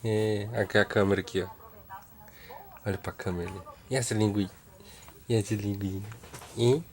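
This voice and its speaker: A man's voice: on the low side, steady tone, a little fast. A man, chatting playfully with his baby in a home video, teasing her in baby talk. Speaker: father talking to his baby. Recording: home video with loud background noise.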